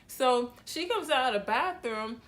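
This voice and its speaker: A young adult woman hairstylist telling a casual, slangy storytime vlog with animated delivery. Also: sits high, unhurried.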